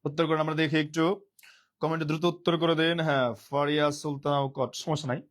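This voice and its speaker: A man's voice: fairly high pitch, flat delivery, a little fast. A male teacher leading a live online exam-prep class, who repeats key words and reads viewers' comments aloud while dropping English words into his speech.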